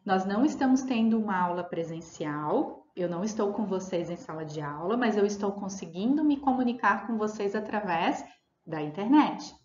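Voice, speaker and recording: A woman's voice: medium pitch, lively intonation, moderate pace, a little mellow, slight background noise. A woman teaching a remote lesson, explaining patiently and repeating key words with fillers. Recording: roomy, dull lo-fi audio.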